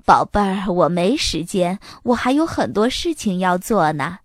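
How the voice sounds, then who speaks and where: A woman reading a storybook aloud and voicing a busy mother who speaks in a calm, lower, measured tone. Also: no room sound, clean studio sound. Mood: firm. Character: mother, busy and firm but gentle.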